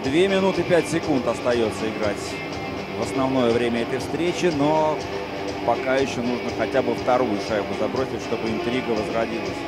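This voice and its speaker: A man giving live hockey play-by-play in a conversational way, pausing between short phrases. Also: mid-range voice, loud music behind the voice, rough recording. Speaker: hockey commentator.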